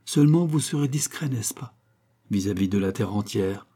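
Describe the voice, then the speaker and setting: A man's voice: on the low side, animated, normal speed, mellow. A man voicing a scheming woman posing as a countess in an audiobook, speaking in a theatrical, pleading manner. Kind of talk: audiobook character reading.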